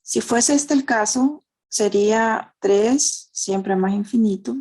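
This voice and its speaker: A woman's voice: a little high, takes it slowly, darkish tone. A woman with a Honduran Spanish accent teaching a math class online, explaining step by step and checking in with tag questions. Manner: uses diminutives.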